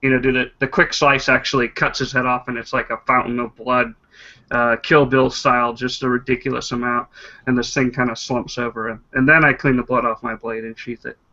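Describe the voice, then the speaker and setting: A man's voice: mid-range voice, flat delivery, fairly quick, bright, forceful tone, lo-fi sound. A man playing a tabletop role-playing game, narrating his character's moves with frequent hesitations. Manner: hesitant, many uh's, vivid narration. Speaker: player. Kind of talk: casual tabletop play and narration.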